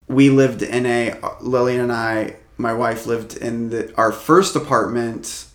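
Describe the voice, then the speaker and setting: A young man co-hosts a podcast, chatting casually and rambling with plenty of fillers and restarts. His mid-range voice sounds reverberant.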